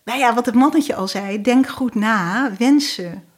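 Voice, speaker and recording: A woman guest telling a fairy tale in a relaxed, hesitant way with many fillers. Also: a little high, measured pace. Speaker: guest storyteller.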